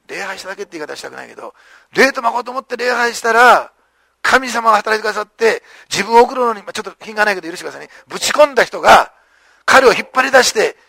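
Fast, animated, high-voiced male preacher. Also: creaky, no echo. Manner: animated storytelling, acting out quotes. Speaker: pastor. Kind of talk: sermon.

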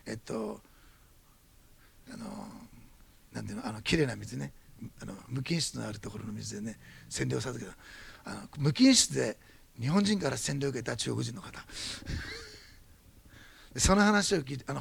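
A man preaching as a pastor, telling a testimony in quick, animated bursts. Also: medium pitch, creaky, slightly rough. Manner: fast-talking, animated storytelling. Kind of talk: sermon testimony.

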